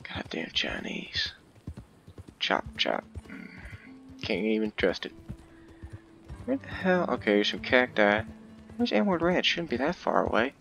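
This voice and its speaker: A man's voice: mid-range voice, very animated, moderate pace, gravelly, long pauses, fairly bright tone, soft background music. A tired man with a headset microphone commentating a western game late at night, talking in a folksy, profane mock-cowboy drawl. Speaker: gamer playing a western game.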